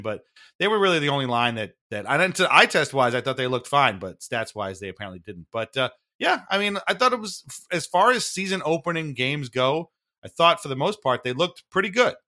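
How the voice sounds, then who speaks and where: Chatting casually about a hockey game, a male podcast host with a bright, forward voice of ordinary pitch recaps the action. His tone is conversational and a bit wry, and he qualifies his statements often.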